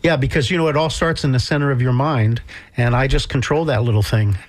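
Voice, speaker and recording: A man co-hosting a community radio show, playful and quick with quips. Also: medium pitch. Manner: playful, quippy, enthusiastic. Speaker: radio co-host. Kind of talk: casual community radio chat.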